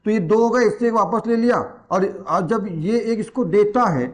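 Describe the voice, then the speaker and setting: Chatty high-voiced male science tutor. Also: moderate pace. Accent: Hindi. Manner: chatty, teasing teacher who talks to students directly. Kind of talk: classroom lesson in Hindi.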